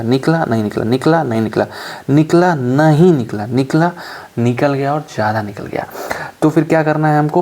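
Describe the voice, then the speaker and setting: A man's voice: medium pitch, darkish tone. Chatty man tutoring finance problems. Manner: chatty, repetitive step-by-step drilling with joking asides. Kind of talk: screen-recorded worked-example lesson.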